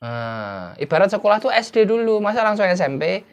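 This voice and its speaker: A man's voice: high-pitched, big pitch swings, fairly quick, clean tone. A man giving an explanatory lecture as an English teacher, asking rhetorical questions and answering them himself.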